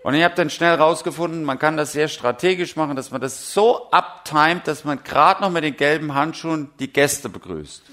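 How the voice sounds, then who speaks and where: A man's voice: fairly high pitch, animated, moderate pace, hardly any pauses, a bit bright. A middle-aged man preaching a sermon, telling humorous, self-mocking stories and putting direct questions to the congregation.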